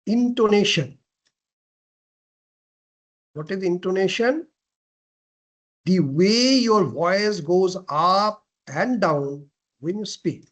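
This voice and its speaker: Slow, high-voiced man lecturing a class. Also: a bit bright. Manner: asks and answers his own questions; frequent throat clearing and self-corrections. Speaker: lecturer on presentation skills.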